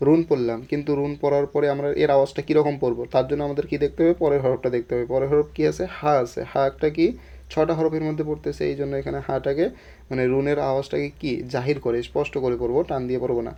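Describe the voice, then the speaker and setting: A man teaching Quran reading step by step, explaining each rule patiently and then reciting the words slowly and drawn out. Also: on the high side, fairly even intonation. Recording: dull lo-fi sound.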